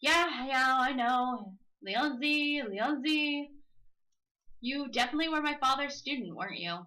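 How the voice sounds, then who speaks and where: A woman's voice: sits high, lively intonation, bright, forceful tone, rough recording. A woman playing through a visual novel, reading its text aloud and joking about it between lines. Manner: playful, drawls dialogue slowly for comic emphasis. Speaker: let's play host.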